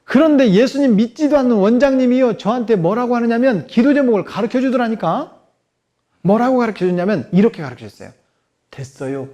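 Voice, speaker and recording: Animated high-voiced preacher man in his forties. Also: fast talker, lo-fi sound. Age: 40s. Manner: animated storyteller who acts out dialogue and has the congregation repeat phrases. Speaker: guest pastor. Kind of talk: preaching at a church seminar. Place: church sanctuary.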